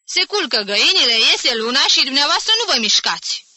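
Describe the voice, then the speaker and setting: Woman doing a hungry impatient young man, curt and demanding, bright voice, storybook reading. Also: sits high, sing-song, no echo, voice pushed up, full character voice.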